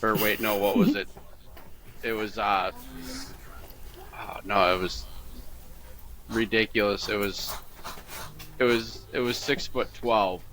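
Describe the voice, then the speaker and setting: A man with a lowish voice who talks very slowly, searching for words between jokes. A faint hiss sits under his voice. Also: steady tone, a bit bright, rough recording. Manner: slow, halting joker. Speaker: podcast co-host. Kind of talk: casual trivia chat.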